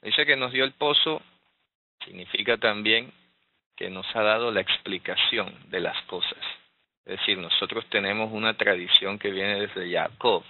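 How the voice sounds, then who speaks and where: Male Bible teacher, lowish voice, explanatory and unhurried, heard through a thin phone-like connection. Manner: explanatory, frequent rhetorical "¿verdad?" and "eh" fillers. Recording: tinny phone-like line.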